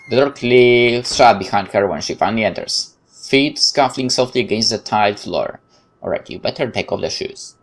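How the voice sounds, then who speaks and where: A male game streamer with a Polish accent reads visual novel narration aloud in a mid-range voice. He reads expressively, occasionally stumbling and adding brief commentary.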